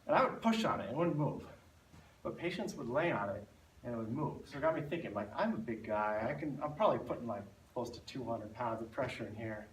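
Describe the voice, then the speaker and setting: A man instructs a spinal stability class, explaining and demonstrating exercises while slightly out of breath. His medium-pitched voice is brisk with lively intonation. The room echoes, the mic is far away, and faint noise is present.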